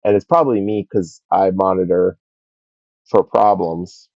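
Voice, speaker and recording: A man's voice: deep voice, steady tone, measured pace, no room sound. A man streaming a game live, rambling and talking to himself as he plays. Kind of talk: casual live gameplay commentary. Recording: dull lo-fi stream audio.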